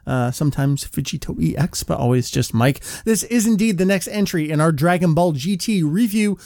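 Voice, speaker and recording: A man's voice: on the high side, lively intonation, moderate pace, darkish tone, dry recording. A man hosting a podcast in casual chat, upbeat and jokey, with frequent filler words. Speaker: podcast host. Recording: dry close-miked podcast audio.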